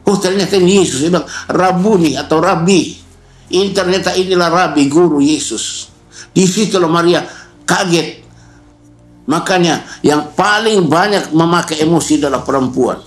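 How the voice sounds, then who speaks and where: A male pastor preaching a sermon, repeating key words and pausing for emphasis. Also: on the high side, roomy sound, faint music behind. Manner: preaching with repetition and emphatic pauses.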